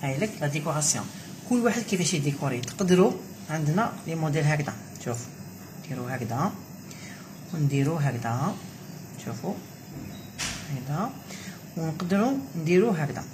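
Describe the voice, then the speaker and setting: A woman's voice: sits low, lively intonation, fast talker, long pauses, background noise. Algerian woman demonstrating pastry at home. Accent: Algerian Arabic. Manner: repeats "look" over and over while she works, mixing in French words. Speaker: cooking show host.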